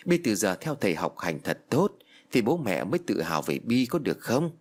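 A man voicing a patient older Buddhist master who gently coaxes a ghost child in a spoken ghost story. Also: fairly low pitch, sing-song, fairly quick. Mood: coaxing. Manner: soft, patient, persuasive.

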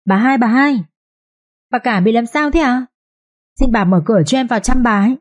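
A woman's voice: on the low side, normal speed, mellow, husky. A woman voicing a loyal nanny who speaks humbly and soothingly to her mistress. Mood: anxious pleading. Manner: soothing, deferential.

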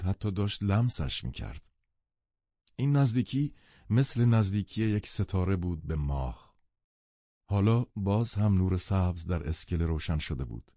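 A male audiobook narrator with a low, dark, mellow voice, telling the story in a measured way. The recording is dry and close, but dull and lo-fi. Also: no room sound. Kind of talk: scripted literary narration.

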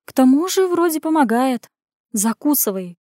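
A woman's voice: high voice, very animated, moderate pace, mellow, dry recording, clean studio sound, pitched above the performer's own voice. A woman reading an audiobook, voicing a brash female friend who speaks bluntly and gives orders. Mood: bossy. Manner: bossy, blunt, commanding.

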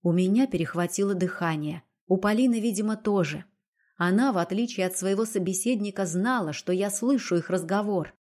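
A woman narrating a novel in the first person with an even, expressive reading. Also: medium pitch, brisk. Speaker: audiobook reader.

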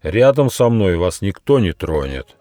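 A man's voice: deep voice, sing-song, measured pace, warm tone, no echo, soft background music. A man voicing a big lonely male tiger, king of the jungle, in a storybook, grand and weary. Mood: grateful.

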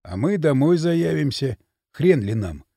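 Male reader as a lazy, vulgar lad, gravelly and drawling. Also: sing-song, a little slow, mellow, no echo, clean studio sound, full character voice. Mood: crude. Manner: coarse, drawling, lower voice. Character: crude, lazy young male ruffian. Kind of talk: audiobook character voice.

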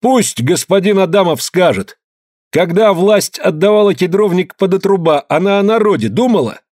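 Man reading as earnest peasant orator, raised lively voice, dry. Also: sits high, moderate pace, no echo, pitched above the performer's own voice. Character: resolute male peasant leader, persuasive.

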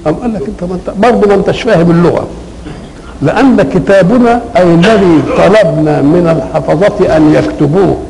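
An older man with an Egyptian Arabic accent, explaining Quranic verses in a conversational lecture, asking questions and answering them himself, slowing down to recite. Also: high-pitched, gravelly, darkish tone, a little hiss or hum, poor audio. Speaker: Quran commentator. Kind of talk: colloquial Quranic exegesis lecture.

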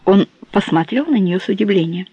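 A woman reads a novel aloud in a measured, even manner. Her voice is husky and breathy. The recording is dry and close, with a dull, muffled top. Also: mid-range voice, dry recording. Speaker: audiobook narrator. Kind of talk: scripted novel narration.

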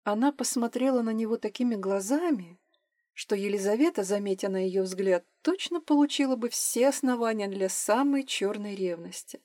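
A woman narrating an audiobook in an even, measured manner. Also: mid-range voice, no room sound, clean studio sound. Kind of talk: audiobook reading.

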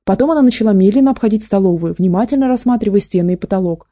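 A woman narrating an audiobook in a steady storytelling manner. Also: medium pitch, racing, no room sound, clean studio sound. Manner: steady storytelling, voices characters.

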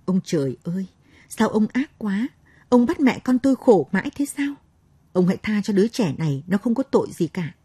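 A woman's voice: medium pitch, measured pace, dark tone, breathy edge, no room sound. Woman doing a desperate pleading mother. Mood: anguished. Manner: pleading, sobbing. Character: grieving servant mother, young woman, downtrodden.

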